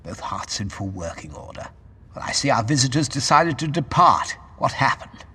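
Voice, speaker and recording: Man acting urbane, bright-voiced Doctor. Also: mid-range voice, very animated, moderate pace, husky, heavily acted. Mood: wry, relieved. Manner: urbane, wry, old-fashioned phrasing. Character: genial, courteous, erudite adventuring male scientist from another world. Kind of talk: audio drama acting, homage to 1970s science fiction serial.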